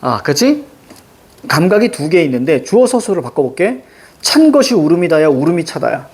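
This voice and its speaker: A man teaching a class, his fairly high voice swinging widely in pitch as he explains. He keeps checking in with quick questions. He speaks to the room as a lecturer would. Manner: lively, questioning, tags checks like "그치?". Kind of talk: classroom lecture on Korean poetry. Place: classroom with a blackboard.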